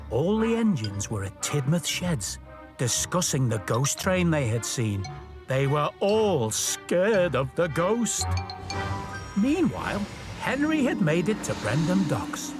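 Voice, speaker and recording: With music playing underneath, an animated male children's storytime presenter, cast as a station worker character, delivers scripted stories to young viewers while speaking directly to the listener. He has a fairly high pitch.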